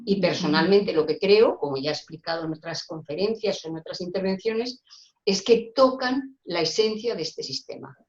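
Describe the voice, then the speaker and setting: A woman's voice: on the low side, moderate pace, darkish tone. Earnest woman, roomy lo-fi call. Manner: earnest, searching for words, many restarts. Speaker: guest speaker. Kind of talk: discussion talk on social rights. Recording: roomy, dull lo-fi call audio.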